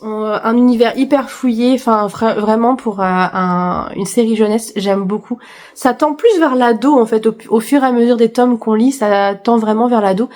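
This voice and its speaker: A woman's voice: on the high side, normal speed, a little mellow. A woman book vlogger chatting casually about her reading plans, enthusiastic, with frequent hesitations and repeated words.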